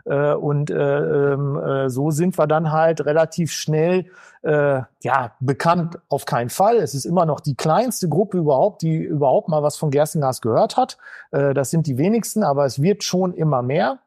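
A man's voice: fairly high pitch, moderate pace, a little mellow, dry recording, clean studio sound. A man talking casually as an interview guest from his shop, rambling with lots of filler sounds. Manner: rambling, many filler sounds, acts out quoted voices. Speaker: entrepreneur guest.

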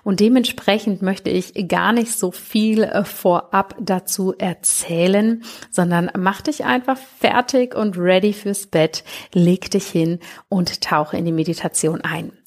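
A woman's voice: mid-range voice, fairly even intonation, a little slow. A woman hosting a podcast, introducing the episode and addressing the listener in a personal, encouraging way. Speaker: podcast host.

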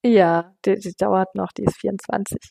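A woman in her fifties, a local politician from western Germany, answers as an interview guest, reflective and conversational, groping for her phrasing. The studio-quality recording, free of room sound, carries her warm, creaky mid-range voice at normal speed with fairly even intonation.

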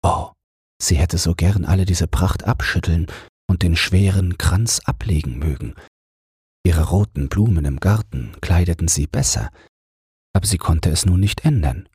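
In a very low, heavily husky voice with a slightly mellow quality, a man reads a fairy-tale audiobook intended for bedtime. His delivery is unhurried and soothing, and the sound is dry, free of any room echo.

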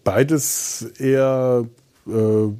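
Speaking very slowly in a warm, steady, medium-pitched voice, a man hosts a podcast from a sofa indoors. His solo monologue is casual and rambling, hesitant and thought-out-loud, with a wry, self-deprecating touch.

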